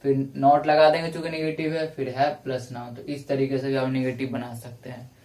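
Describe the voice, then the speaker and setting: A male English teacher giving a classroom lecture, explaining grammar rules step by step and repeating each example slowly. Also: mid-range voice, flat delivery, a little mellow. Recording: echoey room, voice from a distance.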